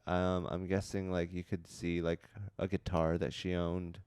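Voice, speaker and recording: A man, a comedian guest on a podcast, chatting casually with deadpan, absurd jokes. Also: low voice, measured pace, clean tone, no room sound, studio quality.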